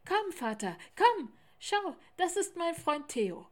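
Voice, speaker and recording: Woman as earnest young male polar bear, excitable storybook voice, raised pitch. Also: a little slow. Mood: eager. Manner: eager, slightly breathless.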